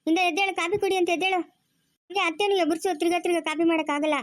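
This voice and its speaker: A woman voicing a sharp-tongued, impatient young granddaughter in a cartoon, talking back in a rural Chikkaballapur Kannada accent. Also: very high voice, fairly even intonation, very fast, dry recording, clean studio sound. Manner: mocking, talks back. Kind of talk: cartoon voice acting.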